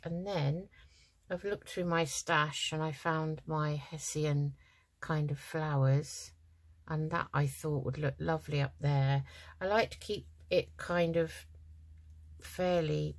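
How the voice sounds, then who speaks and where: A middle-aged woman hosting a craft channel, talking casually and hesitantly through her project with many ums, tired and yawning. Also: low voice. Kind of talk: casual crafting tutorial chat.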